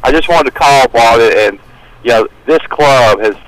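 A man's voice: mid-range voice, unhurried, a little hiss or hum, poor audio. A man speaking casually and earnestly as a caller on a radio phone-in, repeating himself as he goes. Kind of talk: casual talk.

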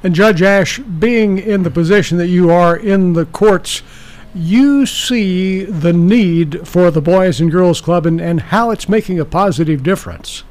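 High-pitched male local radio host. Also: unhurried, a little mellow. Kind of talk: live local radio talk hosting.

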